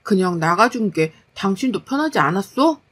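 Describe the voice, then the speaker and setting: A woman's voice: medium pitch, big pitch swings, moderate pace, fairly bright tone, slightly rough. A woman voicing a lazy, defensive young husband who sounds whiny, dismissive and irritable. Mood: irritated. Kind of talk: storytelling dialogue.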